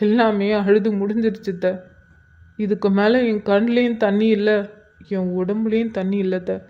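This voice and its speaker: Woman playing a drained young brother-in-law, sincere, mid-pitch, lo-fi. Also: level tone, moderate pace, close to an everyday voice. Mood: weary. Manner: weary, sincere. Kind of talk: cartoon voice acting.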